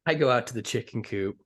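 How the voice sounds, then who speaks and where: A man in his thirties tells a story on a casual podcast in an everyday mid-range voice. He acts out the quotes with big jumps in pitch and loudness. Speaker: podcast co-host.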